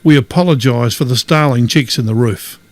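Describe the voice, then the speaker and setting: A man's voice: medium pitch, fairly quick, a little hiss or hum. A man with an Australian accent reading scripted documentary narration. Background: music.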